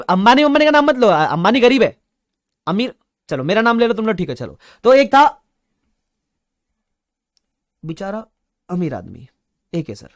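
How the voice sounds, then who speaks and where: A young man teaching a live class, telling a playful story and acting out loud bits of dialogue. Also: a little high, no echo, studio quality. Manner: playful storytelling, acts out shopkeeper dialogue loudly. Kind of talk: live online class lecture.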